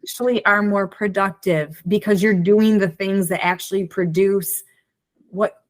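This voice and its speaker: A woman's voice: mid-range voice, steady tone, a little slow. A woman in her forties hosting a podcast, chatting reflectively and acting out her own thoughts. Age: 40s. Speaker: podcast host. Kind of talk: casual chat.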